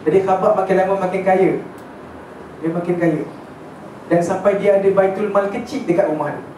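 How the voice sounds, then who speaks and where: A man's voice: high voice, steady tone, fairly quick, warm tone. A man teaching a religious class as casual storytelling, chatty and often checking in with his listeners. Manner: chatty, checks in with listeners, mixes in English words. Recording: echoey hall, distant mic, faint noise.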